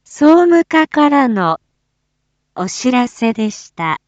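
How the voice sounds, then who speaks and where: A woman making a formal municipal disaster-radio announcement in the style of an outdoor loudspeaker, phrase by phrase with long pauses. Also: high voice, very animated, no echo, highs cut off. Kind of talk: formal public-address announcement.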